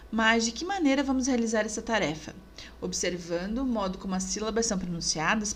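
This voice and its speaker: A woman teacher narrating a review lesson over slides, measured and clear, stressing each example word. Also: a little high, a little hiss or hum.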